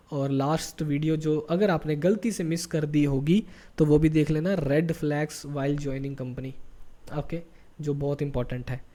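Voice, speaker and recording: Man, 30s, casual tutorial talker, warm mellow tone, keeps asking "okay?". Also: on the high side. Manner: chatty, keeps checking in with "okay?". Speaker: career coach YouTuber. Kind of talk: casual Hinglish tutorial talk.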